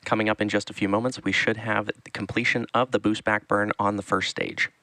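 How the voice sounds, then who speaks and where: A man with a lowish voice hosts live launch commentary. He explains things in a measured, informative way, and the sound is close and dry. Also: flat delivery, bright, forceful tone, no echo. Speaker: webcast launch host.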